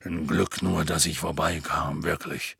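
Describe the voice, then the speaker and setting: A hulking, gruff half-giant groundskeeper, speaking slowly in a deep, grainy, husky rumble. His plain, folksy words come out with a sharp, bright edge. The sound is close and dry, like a storybook reading. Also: level tone, no echo, heavily acted. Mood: grim gruff. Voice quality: gravelly, raspy. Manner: gruff, slow, folksy speech.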